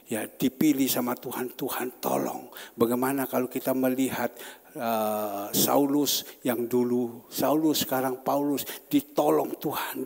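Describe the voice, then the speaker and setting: A man's voice: medium pitch, vocal fry, breathy edge. A male pastor preaching a sermon in an earnest, conversational way, breaking into sudden emphatic outbursts. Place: church hall. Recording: long church hall reverb.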